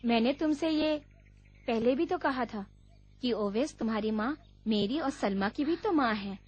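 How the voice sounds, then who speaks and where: A man playing a calm young friend who explains things gently, in a dubbed drama. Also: very high voice, measured pace, lo-fi sound, full character voice.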